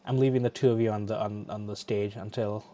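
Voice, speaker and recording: A middle-aged man from Bangladesh hosts a casual livestream, chatty and loose, frequently restarting sentences. His voice is fairly low, steady in tone, mellow, and a little fast.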